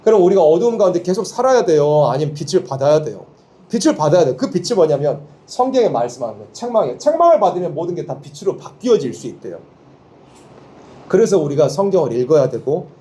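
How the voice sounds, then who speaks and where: A male preacher teaching students at a Bible school, with a mellow, dark voice that swings widely in pitch. He sits a little high for a man and drives his points with emphatic rhetorical questions. He often has the room repeat short lines after him. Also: sing-song, fast. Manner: leads call-and-response, has listeners repeat lines. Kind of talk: sermon to students.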